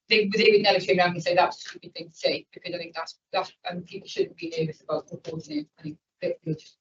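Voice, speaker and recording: Lady councillor, lowish voice, stops and restarts a lot, far from the mic and muffled. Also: fairly bright tone. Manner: halting, with many restarts. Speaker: councillor reporting on safeguarding. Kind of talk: unscripted remarks in a council meeting. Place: council meeting room. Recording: distant, muffled meeting mic.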